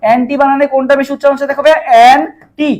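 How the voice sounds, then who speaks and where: A young Bangladeshi man runs a live exam-prep lesson, firing the same question again and again before giving the answer. His voice sits fairly high and the words come quickly. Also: flat delivery. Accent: Bangladeshi Bengali. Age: young adult. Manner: fast, repetitive quizzing of viewers, drills answers with memory tricks. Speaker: admission exam tutor.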